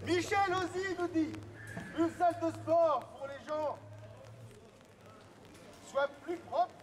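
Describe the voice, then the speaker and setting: A man working as a town crier declaims announcements and messages in a projected voice out on an urban street. His voice is extremely high and he takes it slowly, with crowd and street sounds in the background.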